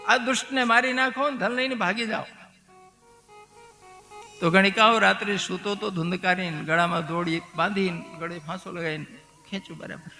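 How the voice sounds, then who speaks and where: A man with a Gujarati accent giving a devotional scripture discourse at a live gathering, storytelling with acted dialogue, soft music behind. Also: high-pitched, vocal fry. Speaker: kathakar preacher.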